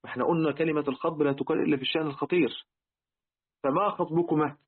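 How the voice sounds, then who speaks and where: A man's fairly high, slightly rough voice runs very fast with a steady tone as he delivers a religious lesson on word meanings in an Egyptian Arabic accent. He keeps asking rhetorical questions and repeating key words, all on a tinny, phone-like lo-fi recording.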